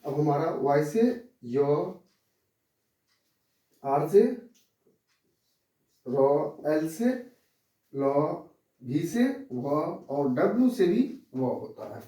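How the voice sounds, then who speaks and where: A man teaching a classroom lesson at a very slow, deliberate pace, going over each letter again and again. His voice is fairly high and mellow, and it comes from some distance off in a very echoey room. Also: very animated. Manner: slow, repetitive explaining, pointing at a board. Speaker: English teacher. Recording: very echoey room, mic far off.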